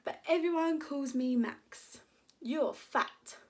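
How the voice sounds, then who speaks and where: A woman's voice: slow pace, background noise. Woman doing a chirpy little beach girl. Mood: playful. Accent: English. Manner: high, bright, excited calls. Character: cheerful little beach girl, bossy and affectionate.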